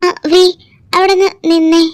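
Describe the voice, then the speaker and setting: A woman's voice: very high-pitched, flat delivery, slow, pitched above the performer's own voice. A woman putting on a cooing, clingy young girl. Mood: hesitant. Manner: sweet, cooing. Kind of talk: fan audio drama.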